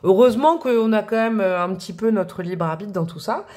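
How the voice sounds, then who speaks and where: A woman's voice: medium pitch, a little fast, a little mellow. A woman doing a chatty, rambling tarot reading for her viewers, full of fillers and asides. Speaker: tarot reader.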